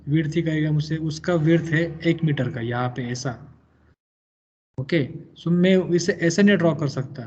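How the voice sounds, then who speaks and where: A man teaching a software lecture to engineering students, explaining patiently step by step, switching often between Hindi and English and quizzing the class. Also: a little high, lo-fi sound.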